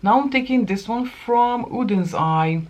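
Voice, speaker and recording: A woman's voice: a little high, lively intonation, a little slow, a little mellow. A woman in her fifties hosting a casual makeup tutorial, chatting to viewers and correcting herself as she works. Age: 50s. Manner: chatty, talks to viewers while applying makeup, self-correcting. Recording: dull lo-fi sound.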